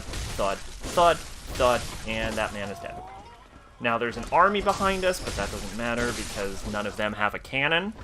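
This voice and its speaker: A man with a lowish voice swears his way through casual gameplay commentary on stream, talking into a headset with background noise. He mocks himself as he plays.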